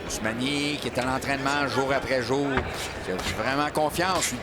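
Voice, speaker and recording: A man's voice: medium pitch, steady tone, moderate pace. Quebec male boxing analyst, heavy noise. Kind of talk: conversational live sports analysis. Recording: very loud arena background noise.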